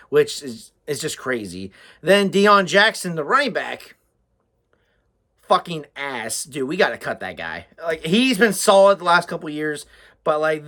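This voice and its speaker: A man's voice: fairly high pitch, bright, forceful tone. A young American man giving a casual, unscripted sports fan rant, blunt and exasperated, with plenty of swearing.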